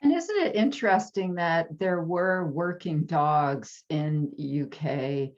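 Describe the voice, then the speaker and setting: A woman's voice: low-pitched, takes it slowly, lo-fi sound. A woman presenter in an academic panel discussion on a video call. She speaks thoughtfully and trails off with fillers.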